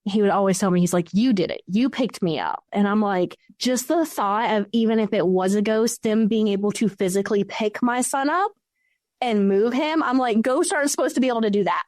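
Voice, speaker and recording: A woman tells her own ghost story as a guest, lively and quick to act out the voices of people in it. Her voice is mid-range for a woman. It sits close and dry on a podcast mic. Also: mid-range voice, dry recording. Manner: animated storyteller who acts out quoted speech. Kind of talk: recounting a personal ghost story.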